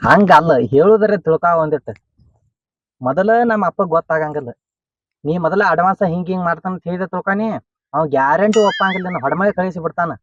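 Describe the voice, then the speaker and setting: A man's voice: high voice, very fast. An actor playing an anxious young man who coaxes and pleads with his bride-to-be, speaking with a North Karnataka Kannada accent in a comic short film. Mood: coaxing. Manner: pleading, coaxing. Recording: muffled sound with loud background noise.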